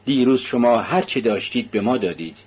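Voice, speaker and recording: A man reading a novel aloud, voicing a shy, poor eighteen-year-old girl in a raised, husky voice. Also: mid-range voice, expressive, darkish tone, dull audio. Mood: timid.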